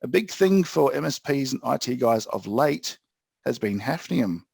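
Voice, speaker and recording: A man's voice: medium pitch, expressive, moderate pace, creaky, darkish tone, breathy edge, no echo. A man with an Australian accent giving an informal tech explainer as co-host, plain-spoken and emphatic in colloquial language. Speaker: co-host and IT specialist.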